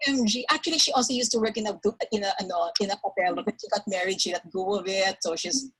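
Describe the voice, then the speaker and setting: A woman's voice: mid-range voice, fast, fairly bright tone, husky, rough recording. A woman professor, advising a student in rambling casual talk that mixes English and Tagalog. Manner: rambling, self-interrupting, switches between English and Tagalog. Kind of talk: casual Taglish advising chat.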